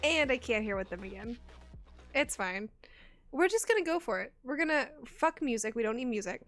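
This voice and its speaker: A woman's voice: a little high, animated, moderate pace, a bit bright, faint music behind. A woman streamer in casual live-stream chat, chatty and self-mocking, laughing often and swearing casually.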